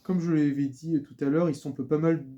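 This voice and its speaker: A man's voice: fairly high pitch, fairly even intonation, a little fast, mellow, dull audio. A man chatting casually in a video about his purchases, talking with many fillers and restarts. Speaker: vlogger presenting records and books. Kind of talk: casual chat.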